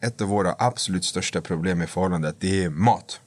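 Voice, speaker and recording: A man guest in casual podcast chat, an animated storyteller who acts out quotes loudly. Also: sits low.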